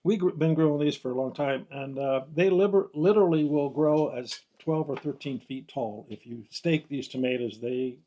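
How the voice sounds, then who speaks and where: A man's voice: mid-range voice, normal speed, hardly any pauses, warm tone, muffled recording. A middle-aged man hosting a gardening video, chatting casually and sometimes stumbling over his words. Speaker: gardening channel host. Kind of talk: casual chat.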